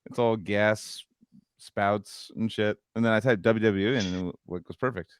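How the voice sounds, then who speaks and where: A man's voice: lowish voice, fairly even intonation, moderate pace, clear, resonant tone, no room sound, clean studio sound. A man with a Californian accent co-hosting a podcast in a casual, profane, slangy and jokey way. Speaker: podcast co-host. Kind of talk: casual chat.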